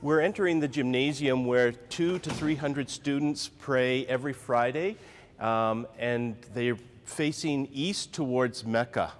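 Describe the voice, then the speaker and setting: A school staff member giving a guided tour, speaking in a slow, informative way. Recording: noisy recording with rumble.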